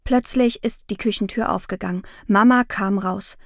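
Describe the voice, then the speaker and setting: A woman reads a children's story in a calm, measured way, at a middle pitch. The recording is dry, with no room sound. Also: dry recording. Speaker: audiobook narrator. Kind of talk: scripted first-person narration for children.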